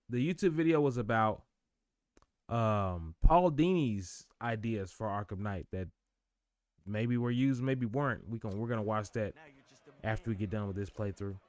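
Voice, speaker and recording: A man streaming live gameplay, commenting in an animated, jokey way and laughing easily. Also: mid-range voice, normal speed. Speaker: gaming streamer.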